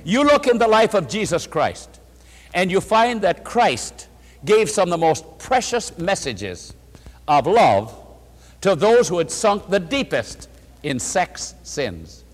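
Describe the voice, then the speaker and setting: A man's voice: high voice, sing-song, takes it slowly, long reverb tail. A male preacher giving an emphatic sermon, calling his listeners friends and leading them through verses together.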